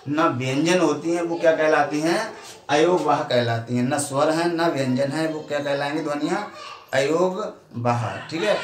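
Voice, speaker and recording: Male Hindi teacher with a Badaun accent, slightly higher voice, keeps quizzing and answering himself, recorded off-mic in an echoey room. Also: distant mic, a little hiss or hum. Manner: asks questions and answers them himself. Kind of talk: classroom lesson.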